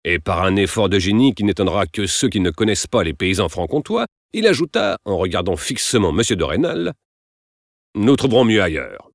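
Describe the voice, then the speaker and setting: Expressive low-voiced male narrator. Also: fairly quick, hardly any pauses, no room sound, studio quality. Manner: lively, expressive storytelling. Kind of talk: audiobook narration of a classic novel.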